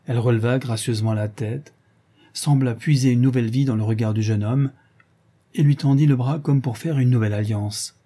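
A man narrating a classic novel as an audiobook, in a measured, even reading. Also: mid-range voice, husky.

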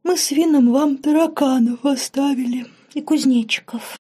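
A woman voicing a sleepy, innocent young woman in an audiobook, speaking softly in a raised voice. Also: high-pitched, fairly even intonation, normal speed, voice pushed up, close to an everyday voice.

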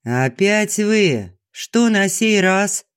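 A man's voice: high-pitched, very animated, clean tone, no room sound, clean studio sound, voice pushed up, heavily acted. A man reading an audiobook, voicing a grumbling older woman who runs a student dormitory. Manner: grumbling, slow.

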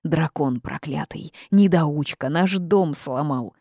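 A woman's voice: deep voice, darkish tone, no room sound, studio quality, heavily acted. A woman voicing a grumpy, theatrical male phoenix who grumbles, wails and draws out his complaints in an audiobook. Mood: wailing. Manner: grumbling, wailing, drawn-out complaints. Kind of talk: audiobook character voice.

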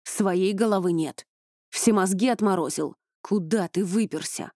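A stern male commander barks reprimands at his careless recruits, as a woman narrator voices him. His voice is gruff and pitched low, mellow in tone, and recorded close and dry like a studio audiobook. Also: unhurried, dry recording. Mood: angry scolding. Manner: gruff, berating.

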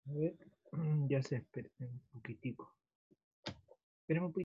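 A man's voice: mid-range voice, moderate pace, husky, no room sound, narrow, tinny audio. A man calling in to a Bible study with his phone held away from his mouth, so he sounds faint and distant, speaking hesitantly and checking whether the line works. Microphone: phone on a call.

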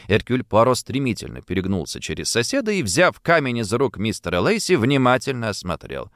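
Expressive male audiobook narrator. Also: mid-range voice, dry recording, studio quality. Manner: expressive, varied.

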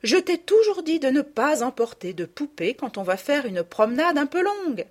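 A woman voicing a gentle but firm mother who speaks in an earnest, admonishing way, in a storybook reading. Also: sits high, very animated, normal speed, pitched above the performer's own voice.

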